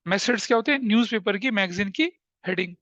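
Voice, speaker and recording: A teacher lectures a class and tells stories with energy, often asking his students questions. His voice sits high and sounds bright and forceful. The sound is dry and a bit muffled. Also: brisk, no echo. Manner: animated storytelling, asks the class questions.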